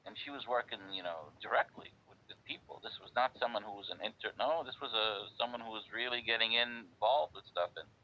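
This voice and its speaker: A man's voice: lowish voice, a little fast, hardly any pauses, muffled recording, a little hiss or hum. A man with a New York accent hosting a casual chat, laid-back and joking, stretching words for emphasis. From United States. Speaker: host.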